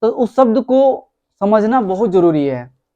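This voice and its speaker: A man gives a motivational talk at a slow, deliberate pace. His voice is mellow and warm, and he leans hard on his key words, repeating them and calling the audience friends. The recording is slightly muffled and lo-fi. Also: high-pitched, sing-song. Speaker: motivational speaker.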